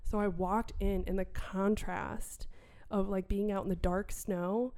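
A woman from Wisconsin, a podcast guest, telling her personal faith story in an animated, conversational way and acting out her past self. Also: mid-range voice, a little slow. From Wisconsin, USA.

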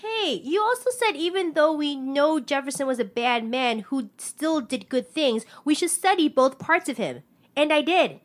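Woman playing a schoolgirl of fourteen, high-pitched, blunt, indignant, speech-giving, comedy sketch. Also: animated, moderate pace. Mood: protesting. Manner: emphatic, outspoken. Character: indignant, blunt fourteen-year-old schoolgirl reading her history speech.

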